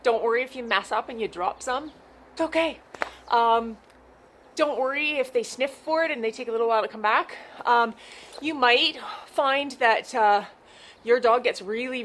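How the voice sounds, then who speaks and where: A woman's voice: high-pitched, a bit bright, slight background noise. A woman dog trainer explaining a game outdoors in a chatty, reassuring, unscripted way. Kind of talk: casual instructional talk.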